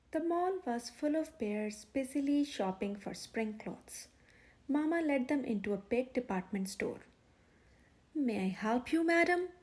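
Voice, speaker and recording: With a high voice, a woman acts as storyteller reading a children's picture book aloud, her narration expressive and clearly phrased.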